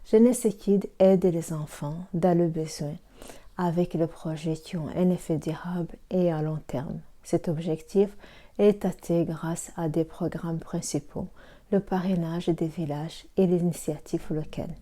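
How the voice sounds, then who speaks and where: Dark-voiced woman from Rwanda presenting. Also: fairly low pitch, steady tone, measured pace. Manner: reads steadily with hesitant fillers. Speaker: pharmacy assistant and network marketer. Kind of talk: prepared presentation.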